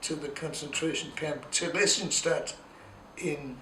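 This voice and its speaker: A Danish man in his eighties with a Danish accent, giving a halting oral history account full of pauses and restarts. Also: fairly high pitch, pushed and bright, echoey room, slight background noise, rough recording. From Denmark. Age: 80s. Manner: halting, with many ums and restarts. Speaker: interviewee.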